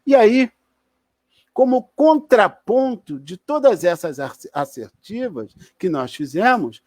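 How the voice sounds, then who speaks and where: A man's voice: sits high, animated, takes it slowly, a little mellow, dry recording, clean studio sound. A man with a Brazilian Portuguese accent giving an online spiritist lecture in a conversational, explanatory way, with restarts and tag questions.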